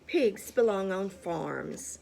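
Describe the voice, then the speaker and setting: A woman reads a stern old storybook sister, bossy and emphatic, a gravelly edge. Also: mid-range voice, animated, darkish tone, a little hiss or hum. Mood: firm. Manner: firm, slow, emphatic scolding. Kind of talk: storybook read-aloud.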